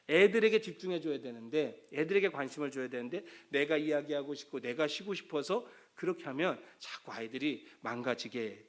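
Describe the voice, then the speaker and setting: A middle-aged man preaching a sermon as pastor, talking conversationally and acting out the words of parents and children. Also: a little high.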